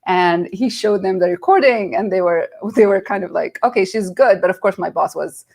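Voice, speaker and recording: A woman's voice: medium pitch, moderate pace. A middle-aged woman from Nazareth, a guest telling her career story in a casual interview and acting out quoted voices. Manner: animated, acts out quoted voices.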